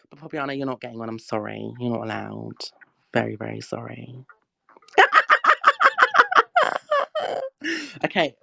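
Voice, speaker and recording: A woman's voice: extremely low pitch, gravelly, no echo. A woman hosting a casual livestream Q&A who chats freely, scolds her chat and laughs often. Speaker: livestream Q&A host.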